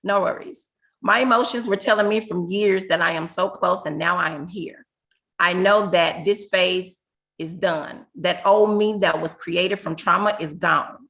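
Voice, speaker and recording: A woman speaks her affirmations slowly and emphatically over a video call. Her voice is gravelly and bright, a little low in pitch. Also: poor audio. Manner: slow, emphatic, declamatory. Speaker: graduate giving affirmations.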